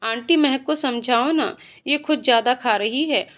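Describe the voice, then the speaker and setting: A woman's voice: high-pitched, measured pace, fairly bright tone. A woman voicing a cheerful young male college student who talks in a playful, coaxing, polite way.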